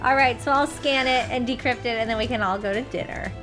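A woman's voice: a little high, a little fast, fairly bright tone, soft background music. A woman playing a tabletop game, chatting casually in a bubbly, giggly way. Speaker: player.

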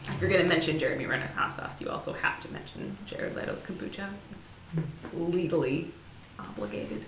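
A woman in a casual podcast chat, joking around playfully with a somewhat low voice. The recording has a roomy echo with a faint hiss behind her. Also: brisk, fairly bright tone. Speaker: podcast co-host.

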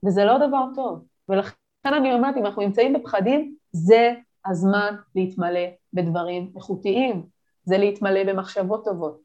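A woman business coach speaking as a guest on a podcast, giving energetic motivational advice with lively emphasis. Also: mid-range voice, lo-fi sound.

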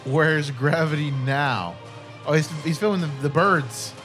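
A man's voice: a little high, a little slow, a bit bright. A man chatting casually as a co-host reacting to videos, incredulous and slangy. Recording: music behind the voice. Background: background music.

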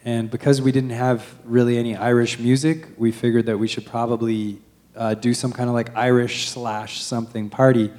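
A man's voice: medium pitch, little pitch movement, normal speed, a little mellow. A man, a DJ in a band, chatting and telling how the group began. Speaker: DJ and band member. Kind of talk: casual interview chat.

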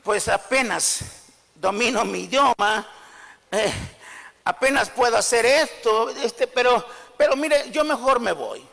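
A man's voice: very high voice, a little slow, gravelly, bright, forceful tone, big-room sound, exaggerated voice. A man voicing a humble, nervous male job seeker who stammers and hesitates.

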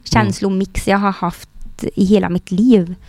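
A middle-aged woman tells her story as a guest, acting out quoted remarks and pausing often on small hesitations. Her voice is gravelly with a dark, mellow tone. The sound is dry and close, with no room echo. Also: mid-range voice. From Sweden. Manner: lively storyteller who acts out quoted speech, many hesitations. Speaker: guest, racing team manager. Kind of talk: casual interview conversation.

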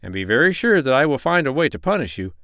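A man's voice: fairly high pitch, sing-song, fast talker, fairly bright tone, no room sound, clean studio sound, voice pushed up. A man voicing a kindly but stern animal doctor in a children's story, lecturing in a firm, formal way. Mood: firm, commanding.

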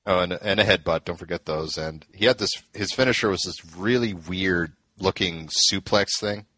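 A man with a fairly low voice talks loosely and casually, looping back with fillers and false starts as he tells a long story. The sound is dry and close, with no room around it. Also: moderate pace, bright, forceful tone, no room sound. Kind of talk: casual wrestling history chat.

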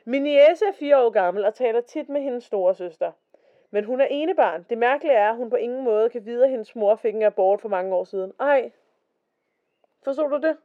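This podcast co-host speaks animatedly at a fairly high pitch, chatting and reading stories aloud on a casual show. Quotes get read in a slower voice. The sound quality is lo-fi and dull.

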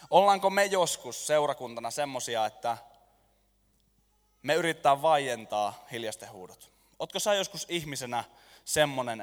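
Animated man preaching in a reverberant hall. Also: mid-range voice. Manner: animated, jokey, lets the room laugh. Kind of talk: lively sermon with audience skit. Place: church hall. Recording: long reverb of a large hall.

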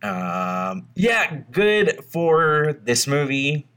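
A man's voice: on the high side, sing-song, very slow, fairly bright tone. A man co-hosting a movie podcast in casual, rambling chat, recording under a blanket. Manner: rambling, laid-back, swears freely. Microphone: home podcast mic under a blanket.

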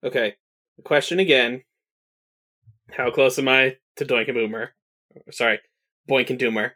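A man's voice: medium pitch, fairly even intonation, moderate pace, bright, forceful tone. Hesitant man playing a tabletop game. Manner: hesitant, lots of ums, planning aloud. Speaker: player. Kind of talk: casual tabletop play.

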